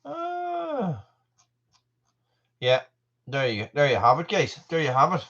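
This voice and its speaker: A man's voice: fairly high pitch, wildly swooping pitch, takes it slowly, fairly bright tone. Rambling Irish man on a lo-fi live stream. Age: 40s. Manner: rambling, with many fillers and restarts. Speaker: channel host. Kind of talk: casual live-stream chat.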